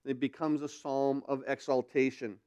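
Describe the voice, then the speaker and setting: A man's voice: mid-range voice, little pitch movement, normal speed, darkish tone, clean tone. A male pastor at a pulpit microphone, teaching a sermon and posing rhetorical questions to his congregation. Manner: asks rhetorical questions, then answers them.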